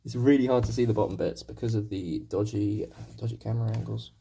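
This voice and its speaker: A young man with a sore throat chats casually with his stream viewers while painting, rambling and making fun of himself. His gravelly, husky voice sits on the low side, mellow and fairly even in intonation, and he talks fast. There's a little hiss or hum in the recording.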